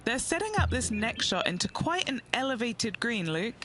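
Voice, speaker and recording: A man playing an excitable on-course golf reporter in a video game. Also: very high-pitched, normal speed. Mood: eager. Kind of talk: enthusiastic sports commentary in a video game. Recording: noisy outdoor course background.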